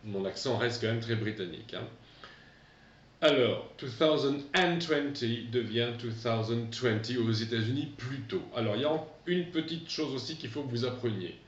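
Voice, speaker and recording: A man in his fifties teaching an English lesson to pupils over a remote class, pausing often with fillers and having them repeat after him. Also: mid-range voice, recorded from a distance, muffled recording. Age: 50s. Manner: hesitant, repeats words for pupils to echo.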